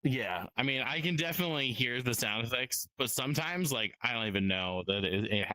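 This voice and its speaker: A man's voice: medium pitch, expressive, a little fast, pushed and bright, dry recording. A man, a guest singer, chatting casually in a self-deprecating way with frequent laughs and stammers. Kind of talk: casual chat.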